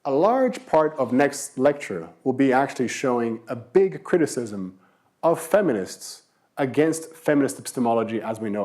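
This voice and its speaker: A man's voice: mid-range voice, a little mellow. A man giving a university philosophy lecture, explaining with rhetorical questions and emphatic repetition. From Brazil.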